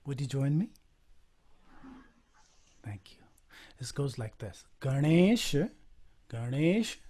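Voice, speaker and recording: A man from Nepal, softly guiding listeners into a devotional chant, often trailing off to a near whisper. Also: medium pitch, sing-song. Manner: soft-spoken, halting, drops to near whisper. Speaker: musician leading a chant. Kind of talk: guided devotional chant session. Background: faint percussion music.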